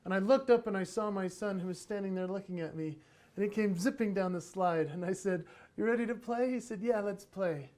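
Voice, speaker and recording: A man giving a playful, animated motivational talk on parenting at a conference, acting out little voices as he goes. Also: high-pitched, a little fast. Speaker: keynote speaker on parenting.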